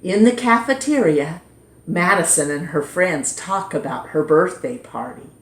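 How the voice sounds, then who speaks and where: A woman reading a children's picture book aloud in an expressive, deliberate storytime manner. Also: fairly low pitch. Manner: animated, deliberate, dramatizes dialogue for young listeners. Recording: roomy echo.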